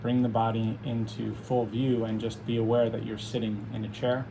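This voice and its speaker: A man leading a guided meditation as a teacher, speaking calmly and soothingly in unhurried instructions with long pauses. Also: fairly low pitch, gravelly, noisy background.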